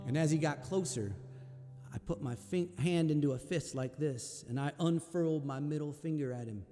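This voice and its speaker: A man, a folk singer at a live-streamed concert, telling a personal story in a slow, hushed and reflective way, with halting repeats. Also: a little high, long reverb tail, soft background music.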